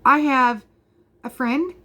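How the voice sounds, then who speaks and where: Emphatic woman in her thirties, higher voice. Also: takes it slowly, sharp tone. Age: 30s. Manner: emphatic, repeats points, talks straight to the viewer. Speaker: vlogger. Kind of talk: passionate direct-to-camera rant.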